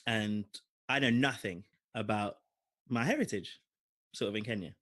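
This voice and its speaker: This young man from London has a lowish voice and talks at a normal speed with a London accent. He's a podcast co-host spinning a long, rambling personal story, animated and packed with fillers, in a casual chat.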